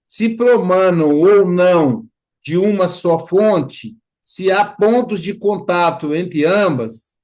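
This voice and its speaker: Man, high-pitched, study group host, casual teaching, playful storyteller. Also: slow pace. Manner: animated storytelling with playful imitations.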